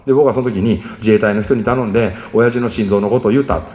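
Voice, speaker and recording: A man's voice: fairly low pitch, fast, a little mellow. A middle-aged man with a Kansai accent tells an emotional personal story as a speaker, acting out the voices he quotes. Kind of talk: storytelling talk. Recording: echoey hall.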